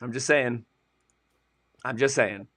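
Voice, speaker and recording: A man's voice: mid-range voice, slow, pushed and bright. A man co-hosting a casual live-stream, chatting and joking as he reads idiom history from his sources. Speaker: co-host of a produce industry show.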